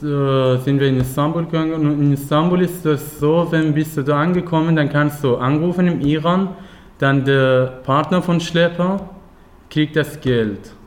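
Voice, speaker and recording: Halting young man speaking learner German. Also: fairly high pitch. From Afghanistan. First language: not German. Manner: halting, many fillers and restarts, simple German. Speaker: guest speaker. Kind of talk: personal account at a talk.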